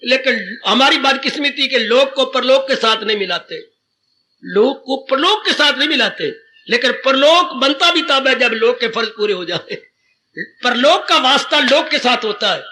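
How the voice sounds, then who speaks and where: A man's voice: extremely high pitch, animated, normal speed, pushed and bright, slight background noise. An older man giving a devotional sermon on scripture. He repeats phrases for emphasis, recites couplets and calls his listeners children. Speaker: spiritual teacher.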